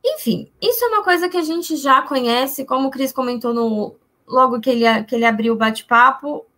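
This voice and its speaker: A woman's voice: high-pitched, brisk, bright, forceful tone. A woman with a Brazilian accent speaking as a guest expert, explaining things informally and in simple terms.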